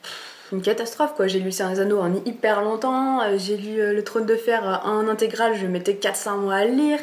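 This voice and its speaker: A woman's voice: mid-range voice, a little fast. A young woman talks to her camera about books in a chatty, enthusiastic way, often restarting her sentences. She sits at home, recorded on a camera mic. The room is noticeably echoey. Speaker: book vlogger. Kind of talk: casual chat to camera.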